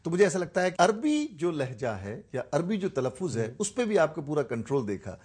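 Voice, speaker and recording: A man's voice: a little high, wildly swooping pitch, a little mellow, slightly rough. A man hosting a studio interview, mixing English words into his speech and murmuring agreement while his guest talks. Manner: frequent murmured backchannels. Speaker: host.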